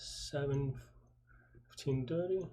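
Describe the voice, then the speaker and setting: A programmer hosting a live puzzle solve thinks aloud casually, muttering hesitant fragments as he types. His mid-range voice is dark and slow, with faint noise, keyboard typing and clicks in the background.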